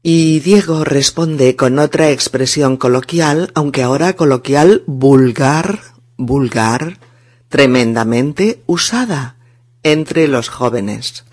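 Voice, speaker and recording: In a mid-range, slightly mellow voice, a language teacher with a Spain Spanish accent carefully walks students through colloquial words. He breaks each into syllables so they can repeat after him.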